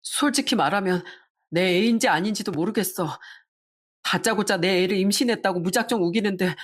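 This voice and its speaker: A woman's voice: mid-range voice, fairly quick, breathy edge, close to an everyday voice. A woman doing a guilty, pleading husband. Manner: apologetic, pleading.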